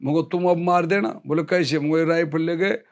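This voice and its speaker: A middle-aged Indian army veteran telling a war story as an interview guest, acting out the quoted dialogue. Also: male voice, fairly high pitch, steady tone, normal speed. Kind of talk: storytelling in casual conversation.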